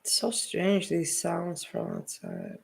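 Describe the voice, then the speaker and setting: A woman's voice: fairly low pitch, wildly swooping pitch, takes it slowly, creaky. A woman with a non-native English accent, hosting a casual livestream and talking bluntly, with heat and free swearing. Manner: blunt, heated, swears freely. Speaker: livestream host. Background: music playing.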